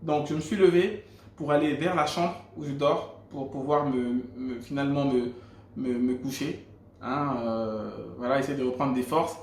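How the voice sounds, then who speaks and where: Speaking at a normal speed with a medium pitch, a man from Gabon recounts his faith testimony in Gabonese-accented French. His earnest storytelling keeps restarting, and the roomy, echoing recording carries a little hiss or hum.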